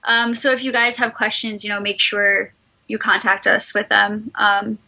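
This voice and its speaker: A woman's voice: mid-range voice, flat delivery, normal speed, vocal fry, bright, forceful tone, rough recording. A woman co-hosting a casual podcast, earnest and chatty, often saying "like". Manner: earnest, says "like" and "um" a lot. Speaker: podcast co-host.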